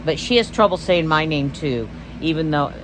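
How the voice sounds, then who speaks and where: A noisy backdrop accompanies a Texas woman's casual show-and-tell stitching vlog. She speaks in an animated, low-pitched voice at normal speed, rambling and regularly losing her train of thought.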